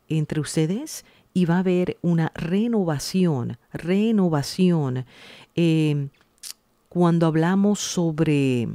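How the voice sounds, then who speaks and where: Soft-voiced woman giving a tarot reading. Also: low voice, dry recording. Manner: slow, soothing, reassuring, speaks directly to the viewer. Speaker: tarot reader. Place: indoors at a table, hands seen laying out cards.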